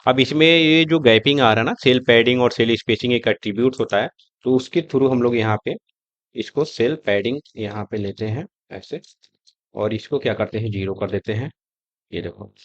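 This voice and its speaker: A man's voice: mid-range voice, moderate pace, a bit bright, no room sound, dull audio. Man explaining code while he types. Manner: conversational, explaining step by step while typing. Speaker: coding tutor. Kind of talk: screen-recorded coding tutorial.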